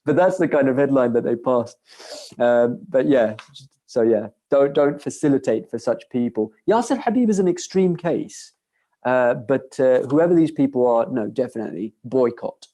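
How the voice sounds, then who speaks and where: A man's voice: mid-range voice, lively intonation, normal speed, mellow. A young man answering audience questions in a casual lecture, earnest and conversational, often restarting his sentences.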